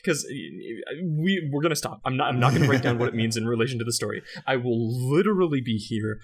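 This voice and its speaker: A man co-hosting a casual podcast about game music. He talks in an animated way, laughs often and drifts into jokey tangents. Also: medium pitch, fast. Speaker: podcast co-host.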